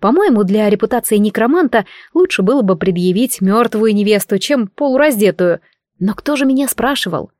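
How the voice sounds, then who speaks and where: A woman's voice: mid-range voice, animated, fairly quick, darkish tone, no room sound. A woman reading a first-person story in a wry, lightly ironic way, close to the mic. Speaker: audiobook narrator. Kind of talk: first-person scripted narration.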